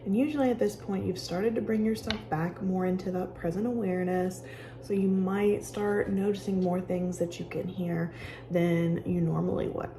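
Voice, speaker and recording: A woman giving casual, conversational instruction as she guides a calming exercise with personal examples. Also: on the low side, normal speed, crowd noise. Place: office with sound machines nearby.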